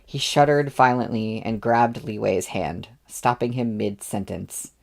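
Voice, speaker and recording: A man's voice: on the low side, measured pace, gravelly. A man reading a novel aloud as narrator, with offhand asides between passages. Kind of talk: audiobook readalong.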